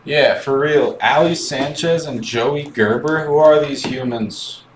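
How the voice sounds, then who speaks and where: A man hosts a live card break, calmly and slowly calling out each card as he opens packs while chatting in a low-key way with viewers. He's in an indoor room with card boxes on a table, and the echoey recording has faint background noise.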